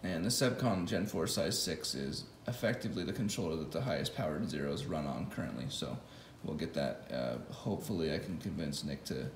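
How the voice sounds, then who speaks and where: An extremely low-pitched, animated voice talks fairly quickly with hardly any pauses as a vlogger casually walks through the wiring of his electric motorcycle build. He thinks aloud with fillers and restarts in his home garage, filmed close on a phone, and the sound is reverberant with slight background noise.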